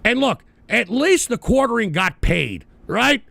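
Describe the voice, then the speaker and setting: A man's voice: very high voice, big pitch swings, measured pace, gravelly, bright, forceful tone. A man hosting a political talk show, ranting angrily and sarcastically with heavy profanity. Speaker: political commentary host.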